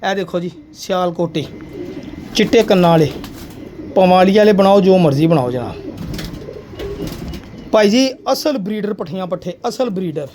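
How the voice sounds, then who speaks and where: A man showing his pigeons one by one, with a persuasive sales pitch aimed at the viewer. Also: animated, normal speed, long pauses, a little mellow, a little hiss or hum. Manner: persuasive, addresses viewer as sir and brother. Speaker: pigeon seller showing birds.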